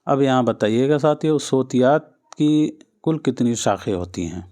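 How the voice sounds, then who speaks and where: Mellow-voiced male teacher drilling exam answers. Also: mid-range voice, expressive. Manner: patient, repeats each answer, addresses listeners directly. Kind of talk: exam-prep lesson.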